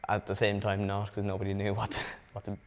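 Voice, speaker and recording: A woman's voice: extremely low pitch, completely flat delivery, fast talker, long reverb tail. A nineteen-year-old woman speaking hesitantly in a documentary interview. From Ireland.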